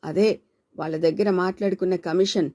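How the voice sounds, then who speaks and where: A woman's voice: fairly low pitch, fairly even intonation, moderate pace, warm tone, natural voice. A woman reading a novel aloud and voicing a sly husband who talks with mockery or pleading. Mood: mocking. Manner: mocking.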